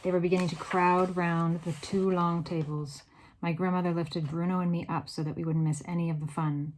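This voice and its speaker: A woman reading a children's novel aloud in an expressive, varied storytelling manner. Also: on the low side, moderate pace, slight background noise, low-quality recording. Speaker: read-aloud narrator.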